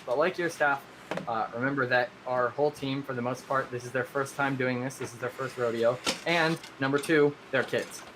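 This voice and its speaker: A man in the middle of his range explains his server's rules on a live stream. He is earnest and rambling and keeps correcting himself mid-sentence. A faint background hiss runs under the recording. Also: medium pitch. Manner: earnest, rambling, self-correcting with many restarts. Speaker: game server owner.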